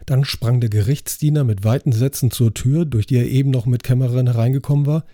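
A man reading a crime novel aloud as an audiobook narrator, in a steady, measured way. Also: mid-range voice, dry recording, clean studio sound. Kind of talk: scripted narration.

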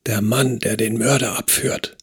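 A man voicing a frightened young woman witness in an audiobook, speaking in a hushed, tense, pleading way. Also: lowish voice, steady tone, unhurried, husky, dry recording, clean studio sound. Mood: urgent.

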